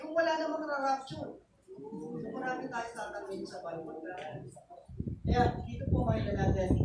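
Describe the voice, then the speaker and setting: A man preaching a sermon as pastor, telling a story in a mix of Tagalog and English and often asking "diba?". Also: extremely high pitch. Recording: echoey, distant church recording with noise.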